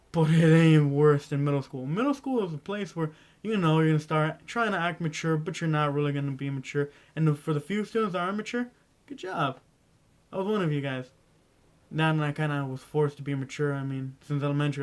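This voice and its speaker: A teenage boy rambling through casual school advice in a vlog, clearing his throat often and stumbling over his words. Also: a little high. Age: teens. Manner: rambling, stumbling, self-interrupting. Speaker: vlogger.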